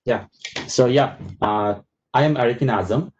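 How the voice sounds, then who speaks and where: A man from Bangladesh, introducing himself as a master's student on a panel, halting and restarting words over a video call. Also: medium pitch, darkish tone, slight background noise. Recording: muffled video call audio.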